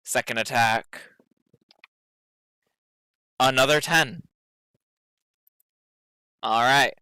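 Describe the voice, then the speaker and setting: A man with a crisp, dry-sounding voice works as game master for a tabletop session. He narrates casually and haltingly, thinking out loud, in a bright middle-pitched voice. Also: dry recording.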